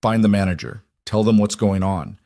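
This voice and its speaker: A calm, protective single father speaks in a steady, firm voice, as a male storyteller plays him. The voice sits low, and the recording is dry and close. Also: normal speed, dry recording, lightly acted.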